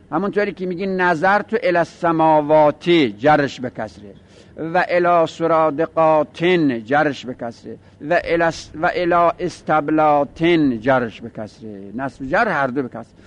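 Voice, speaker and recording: Man teaching grammar, higher-pitched voice. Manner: explains step by step, mixing Arabic quotes with Persian asides. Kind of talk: seminary-style grammar lesson.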